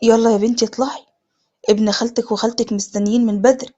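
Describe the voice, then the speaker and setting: امرأة تؤدي دور أم أكبر سنًا تقنع ابنتها بالزواج، بلهجة مصرية ونبرة ملحّة. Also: female voice, fairly high pitch, flat delivery, very fast, dark tone, muffled recording, close to an everyday voice. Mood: coaxing. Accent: Egyptian. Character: older mother, pushing her daughter to marry.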